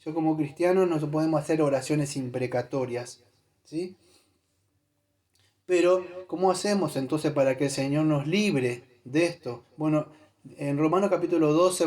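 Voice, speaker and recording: A man delivers a sermon in a church, his voice somewhat high for a man yet warm and soft-edged. He preaches conversationally, calling directly to his listeners. He often stops to think aloud and search for Bible verses. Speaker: pastor.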